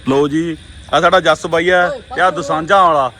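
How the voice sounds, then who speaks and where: A man's voice: fairly high pitch, fairly even intonation, moderate pace, crowd noise. A man chatting casually and playfully on camera, outdoors at a roadside stop. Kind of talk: casual joking chat on camera. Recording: faint outdoor traffic noise.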